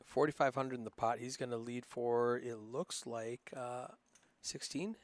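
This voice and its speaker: Man with a northern Minnesota accent, loose chatty poker play-by-play, mid-pitched voice, dry close sound. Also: measured pace, dry recording. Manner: casual, chatty, rambling with frequent fillers. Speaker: poker commentator. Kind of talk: live poker play-by-play commentary.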